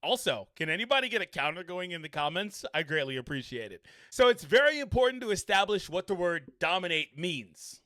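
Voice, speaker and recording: Bright, high-voiced sports vlog man. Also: sing-song, fairly quick, hardly any pauses, no echo. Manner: chatty, wry asides to the viewer. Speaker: sports commentary host. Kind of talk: casual sports commentary vlog.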